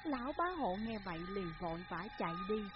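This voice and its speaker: A woman narrating a dramatic folk tale in an expressive, dramatic way. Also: mid-range voice, brisk. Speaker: storyteller. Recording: slightly muffled with faint hiss.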